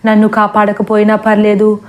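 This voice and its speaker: A woman's voice: mid-range voice, completely flat delivery, moderate pace, a little mellow, close to an everyday voice. A woman voicing a devout male ascetic who chants and prays earnestly in a storybook horror tale. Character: devout male ascetic, steadfast, praying to Shiva.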